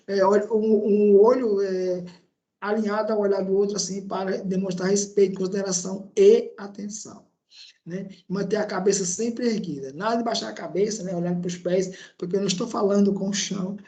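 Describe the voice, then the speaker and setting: A man with a Brazilian accent teaches an online lecture from an indoor room at a laptop, recorded on the laptop's microphone. His voice sits high and is a little mellow. He speaks conversationally, often using tag questions and hesitating.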